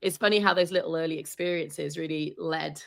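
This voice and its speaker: Low gravelly woman, chatty sports reporter type, laughs a lot. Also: brisk. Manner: chatty, laughs often, animated storytelling. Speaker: sports reporter, interview guest. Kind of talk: casual interview chat.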